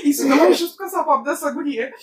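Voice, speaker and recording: A woman's voice: high voice, fast talker, slight background noise, pitched above the performer's own voice, close to an everyday voice. A woman retelling the lines of an exasperated teenage girl from a book. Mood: indignant. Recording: roomy, distant mic.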